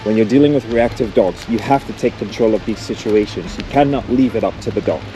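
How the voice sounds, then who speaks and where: A man's voice: lowish voice, brisk. Male dog trainer, direct and no-nonsense, teaching outdoors over background music. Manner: blunt, direct, talks to the viewer while walking a dog. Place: outdoors on a street.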